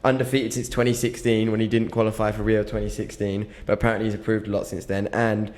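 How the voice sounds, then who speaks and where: A man's voice: on the low side, level tone, fast talker, darkish tone. A man co-hosting a casual betting podcast, laid-back and hesitant, full of ums and self-mocking laughs. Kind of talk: casual chat. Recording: echoey room.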